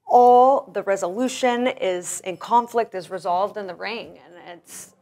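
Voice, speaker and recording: A woman's voice: mid-range voice, a little slow, warm tone. A woman in her thirties, who grew up in Russia, is interviewed as a professional wrestler, speaking enthusiastically and rambling with many restarts. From grew up in Russia, born in Florida. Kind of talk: casual interview.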